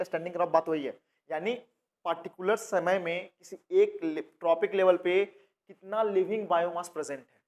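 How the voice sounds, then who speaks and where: A man from India teaching a coaching-class biology lesson, repeating key terms and asking the class questions that he then answers himself. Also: high-pitched. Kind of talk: classroom lecture.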